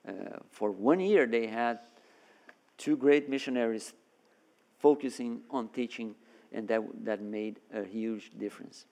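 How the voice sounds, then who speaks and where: A man's voice: medium pitch, measured pace, darkish tone. A man from Brazil preaching a sermon as a guest, earnest and full of restarts and repeated words. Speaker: guest preacher and seminary worker.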